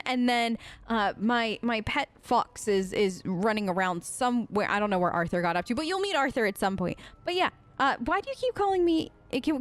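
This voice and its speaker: A woman with a high voice, recorded close and dry with no room sound, role-plays her game character as a let's play host. Her improvised in-character dialogue is casual chat, rambling and hesitant.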